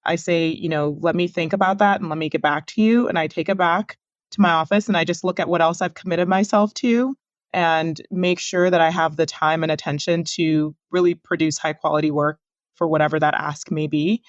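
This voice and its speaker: Measured woman doctor giving advice. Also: low-pitched, dry recording, dull audio. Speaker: physician researcher, guest. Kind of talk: podcast interview.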